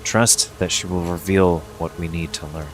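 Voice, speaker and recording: Deep guy reading out quest text while gaming, faint music. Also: level tone, normal speed. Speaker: game streamer reading quest dialogue. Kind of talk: reading game dialogue aloud, casual asides.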